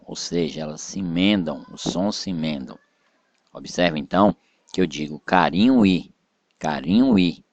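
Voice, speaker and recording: A man's voice: very deep voice, dry recording, muffled recording. A Brazilian man teaching poetic meter in a video lesson, patiently explaining step by step and counting syllables aloud. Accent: Brazilian Portuguese. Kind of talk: slide-based video lesson.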